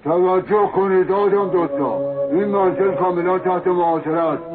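An actor dubbing a dutiful soldier making formal announcements in a cartoon. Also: male voice, high-pitched, close to an everyday voice. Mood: announcing. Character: dutiful soldier, adult man. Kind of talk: dubbed cartoon voice acting. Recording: tinny lo-fi sound with music.

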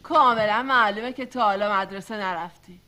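A woman's voice: medium pitch, sharp tone, a little hiss or hum, lightly acted. A woman voicing a mocking, smug schoolgirl classmate in a cartoon dub.

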